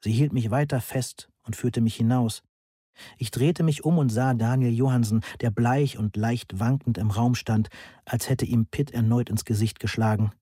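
A man narrating a first-person novel as an audiobook, reading in a steady, even way. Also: medium pitch, moderate pace, slightly rough, no echo, studio quality.

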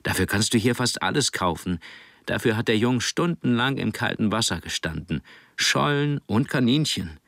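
A man's voice: lowish voice, expressive, normal speed, creaky, fairly bright tone, dry recording, clean studio sound, voice pushed up. Stern mother, voiced by a man. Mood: firm. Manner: firm, clipped, bitter. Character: stern, proud, tired mother. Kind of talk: audiobook character reading.

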